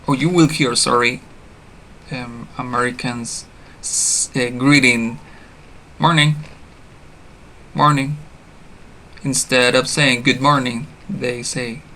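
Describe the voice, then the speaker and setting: A male English teacher giving a beginner lesson online, speaking at an unhurried, deliberate pace. His voice is clear and bright, and he repeats each example phrase so learners can copy it. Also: medium pitch, slight background noise. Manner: stops to correct himself with a quick "sorry".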